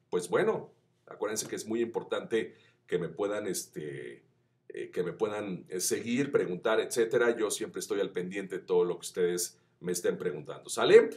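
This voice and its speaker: A man teaching voice acting, chatty and encouraging, who demonstrates shouts that climb up the pitch scale. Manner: addresses viewers as friends, chatty and encouraging. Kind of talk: tutorial.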